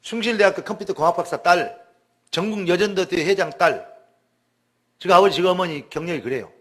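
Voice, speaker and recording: Male pastor, high-pitched, emphatic storyteller, repeats words for stress. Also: fairly quick, fairly bright tone. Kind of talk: sermon testimony.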